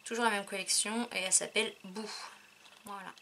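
In a very noisy recording, a French crafting vlogger talks casually through a haul video, counting and displaying what she bought. She speaks fairly quickly in a steady, mid-range voice, full of fillers.

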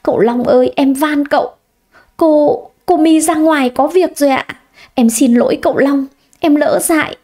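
A woman's voice: sits high, normal speed, warm tone, voice pushed up, natural voice. A woman voicing a young housemaid who tearfully begs her employer for forgiveness. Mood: pleading. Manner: tearful, begging. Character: young female housemaid, frightened and pleading.

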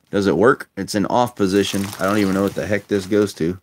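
Low-voiced guy unboxing toy cars at home, wry muttering asides, phone cam. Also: steady tone, fairly quick, slight background noise. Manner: chatty, wry and self-mocking, muttering asides. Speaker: toy collector vlogger. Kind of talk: casual unboxing commentary. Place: indoors at a table, filming toys close up.

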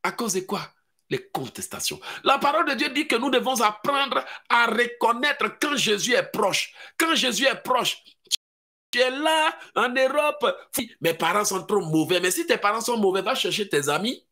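A male pastor with an Ivorian French accent preaching a fiery sermon. He swings between shouted exhortation and low, mocking imitations of doubters. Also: sing-song, moderate pace.

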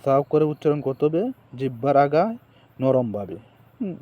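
A man's voice: mid-range voice, animated, normal speed, dull audio. A man teaching Quran recitation, sounding out letters and syllables one by one, asking questions and answering them himself. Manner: drills letters and syllables aloud, repeats each one. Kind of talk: slow step-by-step recitation lesson.

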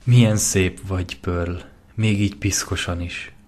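A man's voice: low voice, fairly even intonation, a little mellow. A man voicing an emotional young female green unicorn torn between love and friendship, in an audio fanfiction reading. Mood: cold. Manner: emotional, anguished.

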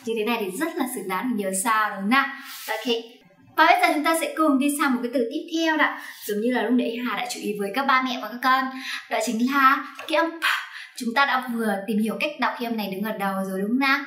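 A woman's voice: fairly high pitch, expressive, quick pace, pushed and bright, roomy sound. A woman teaching English pronunciation to parents and children, coaxing and checking along as she goes. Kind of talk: online phonics lesson for parents and children.

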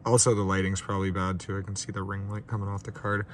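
His deep voice stays fairly flat in pitch but comes out fast, with a bit of hiss or hum in the background. The young man, stuffy-nosed, offers casual, unscripted, slightly self-deprecating commentary while opening card packs in a small ring-lit room.

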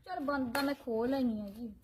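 A woman's voice: sits high, a little fast, noisy background. A young woman acting in a comic sketch, sounding naive, puzzled and complaining.

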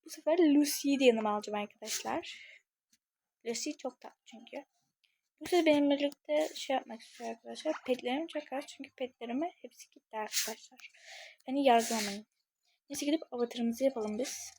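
High, slightly breathy young woman; casual talk-to-viewers game commentary, close dry mic. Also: brisk, darkish tone, no room sound. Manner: chatty, addresses viewers often, thinks aloud. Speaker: gaming channel creator.

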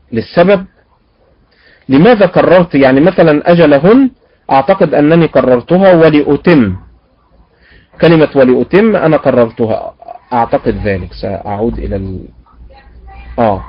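A male teacher leads a lesson, drawing words out slowly and saying them again and again so his students can hear each sound. He speaks at a middle pitch, and the audio is dull and lo-fi. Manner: repeats words slowly to model pronunciation; quizzes and praises students. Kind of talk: online recitation lesson.

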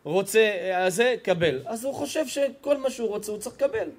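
A man, a rabbi, giving a Torah lesson to a live audience in an emphatic, animated way and putting questions straight to his listeners. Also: high-pitched. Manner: emphatic, animated storytelling preacher; addresses listeners directly with questions.

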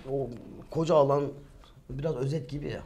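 Fast-talking man in a relaxed chat. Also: mid-range voice. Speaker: puppeteer guest. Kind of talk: casual chat.

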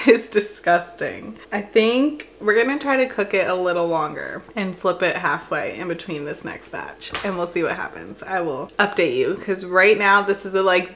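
A woman's voice: lowish voice, animated, normal speed, few pauses, a bit bright, slight background noise. A young woman chatting casually through a bake-along vlog in her home kitchen, thinking aloud and poking fun at herself. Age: young adult. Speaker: lifestyle vlogger. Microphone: camera at close range.

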